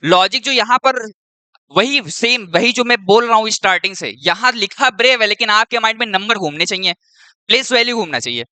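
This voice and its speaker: Bright, crisp-voiced male teacher. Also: sits high, expressive, a little fast, no echo. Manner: checks in with students often and keeps saying "your". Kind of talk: exam-prep lesson worked through step by step.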